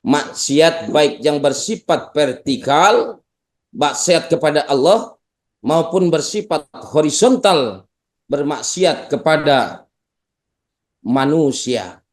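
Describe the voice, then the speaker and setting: Indonesian male preacher, slightly high voice, animated humorous sermon delivery. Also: slow, pauses often. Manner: lively, humorous storytelling with Arabic phrases.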